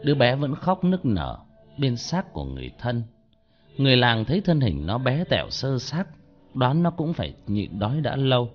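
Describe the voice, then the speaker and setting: A man narrating a dark ghost story about a cursed village in a dramatic storytelling manner. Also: medium pitch, wildly swooping pitch, normal speed, dull audio, soft background music.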